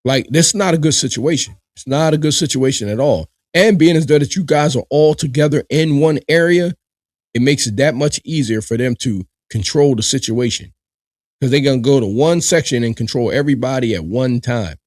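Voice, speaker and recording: A man hosts a live reaction stream, commenting emphatically and speaking straight to his audience. He often repeats words as he presses a point. His voice sits at a middle pitch and sounds close and dry, with no room echo. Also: a little fast, a little mellow. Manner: emphatic, repetitive, addresses viewers directly. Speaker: live reaction show host.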